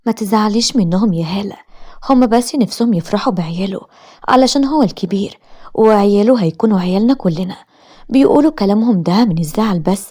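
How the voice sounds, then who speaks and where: A woman plays a kind young sister-in-law with an Egyptian accent in a narrated story. She speaks gently and consolingly. Her voice is warm and mellow, and she keeps a brisk pace. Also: mid-range voice, animated, breathy edge. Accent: Egyptian Arabic.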